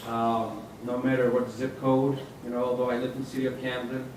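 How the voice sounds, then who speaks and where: A man speaking as a state legislator on a panel, halting with many fillers and restarts. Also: mid-range voice, completely flat delivery. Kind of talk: panel discussion remarks. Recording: echoey hall, distant mic, noisy.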